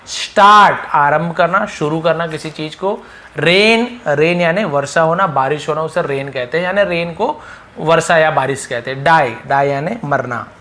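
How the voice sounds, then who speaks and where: A man's voice: a little high, a bit bright. A young man teaching a vocabulary lesson, explaining patiently and repeating each word.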